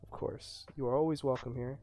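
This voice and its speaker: A man hosting a podcast in casual chat, teasing and telling stories in a relaxed way. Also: mid-range voice, brisk, soft background music. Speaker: podcast host.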